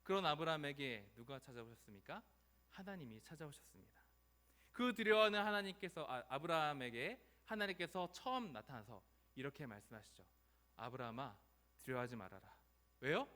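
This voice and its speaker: A male pastor preaching a sermon in an animated storytelling way, acting out the voices of the people in it. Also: on the high side, fairly quick.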